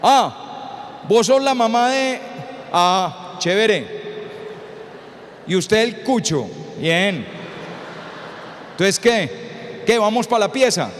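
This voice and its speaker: A man's voice: high voice, animated, very slow, pauses often, a little hiss or hum, heavily acted. A man doing a slangy offhand teen boy. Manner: casual street slang, offhand. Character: slangy laid-back modern teenage boy of 16. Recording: reverberant lecture hall.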